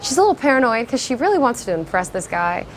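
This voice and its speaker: A woman's voice: fairly high pitch, sing-song, fast talker, a little hiss or hum, poor audio. A woman talking as a lead actress about her character in a behind-the-scenes interview, thoughtful and reflective.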